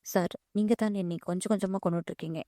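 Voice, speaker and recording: A woman's voice: medium pitch, steady tone, quick pace, warm tone, no echo, clean studio sound, lightly acted. A woman voicing a proud young woman who answers firmly and respectfully. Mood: hurt. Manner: firm and respectful, calls him "sir". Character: proud young working woman, firm and hurt.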